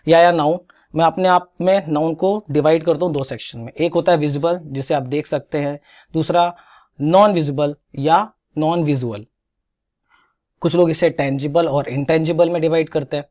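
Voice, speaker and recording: This English teacher, a young Indian man with a higher-leaning voice, speaks at normal speed during an exam-prep grammar class. He's animated and coaxing, getting students to echo words and fixing how they pronounce them through repetition.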